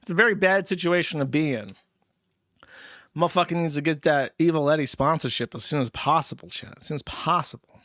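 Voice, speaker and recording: A man hosts a casual show and reacts to clips with quick, sarcastic commentary. His voice sits a bit high, and the sound is dry and close with no room echo. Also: fairly bright tone. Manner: sarcastic, quick, laughs often. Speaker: host.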